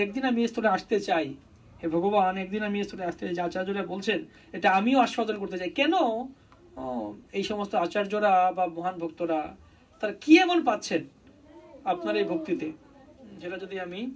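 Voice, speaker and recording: Devotional preacher: a man with a high voice, set back from the mic, explaining and chanting verses. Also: far from the mic, poor audio. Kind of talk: devotional sermon.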